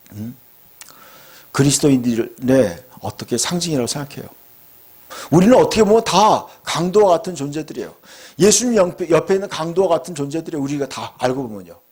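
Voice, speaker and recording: A man's voice: a little high, animated, brisk, darkish tone, breathy edge. A middle-aged male pastor preaching a fervent sermon, often calling out to his congregation.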